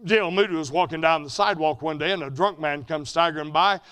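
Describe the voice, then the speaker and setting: A male preacher delivers a sermon in a bright, forceful voice pitched a little high. He climbs to loud, emphatic peaks, then sinks back to a low, quiet delivery. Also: fast talker, clear, resonant tone. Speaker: preacher at a mission conference.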